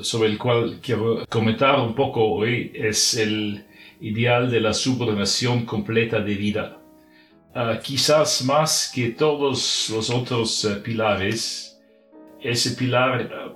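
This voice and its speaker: Slow, halting Austrian-accented man. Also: on the low side, fairly bright tone, reverberant. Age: middle-aged. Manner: halting, non-native speech with searching pauses. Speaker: religious brotherhood member, communications director. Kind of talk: prepared spiritual reflection for a podcast.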